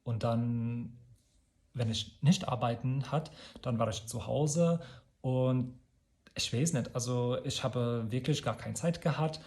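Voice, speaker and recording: A man from the United States, a native English speaker, talks casually to his channel in halting non-native German with an American accent, often correcting himself as he searches for words. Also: mid-range voice, a little mellow. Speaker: video channel host. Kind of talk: casual personal vlog monologue.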